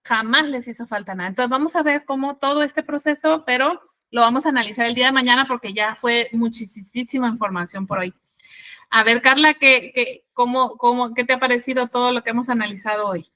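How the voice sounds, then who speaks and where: A woman leads a spiritual lesson in a high, clear voice. Her tone is bright and ringing, and she works through ideas by posing questions to her listeners and then answering them. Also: a little fast. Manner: explains with rhetorical questions. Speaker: spiritual teacher.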